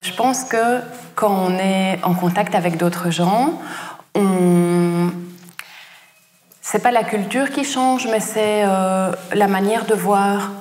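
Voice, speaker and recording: Calm woman in an echoey room. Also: medium pitch, slow. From northern Italy. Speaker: interviewee. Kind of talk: interview answers. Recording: echoey room with long reverb.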